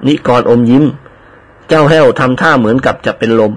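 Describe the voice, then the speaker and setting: A man narrating a storybook with a brisk storytelling manner. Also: mid-range voice. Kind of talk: audiobook narration.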